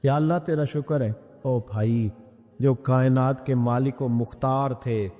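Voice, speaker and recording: A man's voice: medium pitch, dark tone. A male Islamic preacher, delivering an emotional sermon full of rhetorical questions. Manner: impassioned, rhetorical questions, rising and falling delivery. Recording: reverberant hall with faint music.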